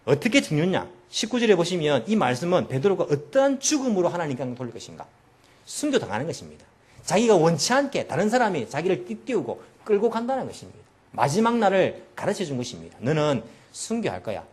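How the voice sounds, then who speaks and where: A man's voice: fairly high pitch, big pitch swings, fast talker. A man preaching a sermon as pastor, acting out the voices of people he quotes. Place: church.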